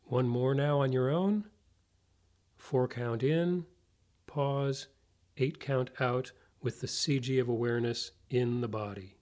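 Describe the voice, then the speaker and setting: A man leading a guided breathing meditation in a measured, instructional way, leaving long pauses. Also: mid-range voice, a little mellow.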